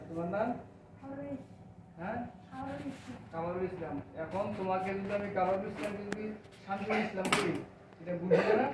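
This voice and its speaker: A man teaching a class of children, asking them questions again and again and repeating key words. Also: high-pitched. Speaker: teacher of Quran recitation. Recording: echoey room, distant mic, dull, noisy.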